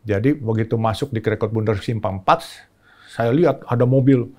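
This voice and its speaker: A man, a podcast guest telling a story in casual chat, who acts out quoted shouts in a much higher voice. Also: brisk.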